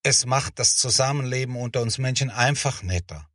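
A man narrating a children's story as scripted narration, with measured storytelling. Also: medium pitch, a bit bright, dry recording, studio quality, far from the mic.

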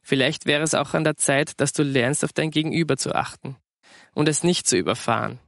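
A man's voice: on the high side, a little fast, gravelly, a bit bright, no room sound. A man voicing a tired working mother who speaks dryly and wearily in a storybook reading. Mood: exasperated. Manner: dry, weary.

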